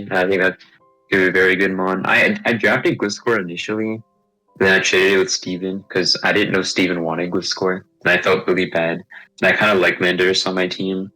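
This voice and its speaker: Deep-voiced tired young man, bright tone. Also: poor audio. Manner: hesitant, many fillers and restarts. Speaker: guest. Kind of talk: casual chat.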